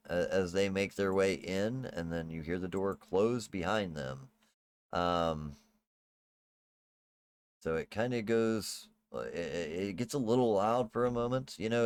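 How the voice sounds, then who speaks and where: Low-voiced man narrating a tabletop game. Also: clean tone. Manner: casual, halting, informal. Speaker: game master.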